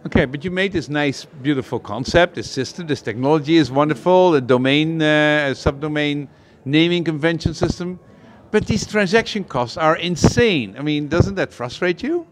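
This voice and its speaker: A man's voice: on the high side, moderate pace, a little hiss or hum. A male host interviewing a guest in a casual tech chat, asking probing follow-up questions with enthusiasm.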